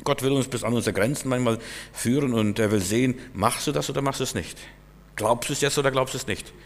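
A man's voice: medium pitch, fast talker. Emphatic male preacher in echoing hall. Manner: emphatic, rising and falling dynamics. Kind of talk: sermon. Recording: echoey hall reverb.

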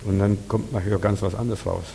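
Earnest German-speaking preacher man, dark voice. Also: lowish voice, fairly even intonation, a little fast, creaky, in a large hall, a little hiss or hum. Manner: earnest, repetitive, addresses listeners directly. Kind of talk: sermon.

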